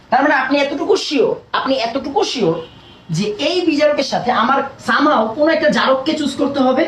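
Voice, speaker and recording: A young male chemistry teacher runs a live online class. He rattles along at a brisk clip, keeps checking in with questions to his students, and his voice sounds a little roomy. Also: very high-pitched, a bit bright. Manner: quick, chatty, keeps prompting students with questions. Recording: roomy echo.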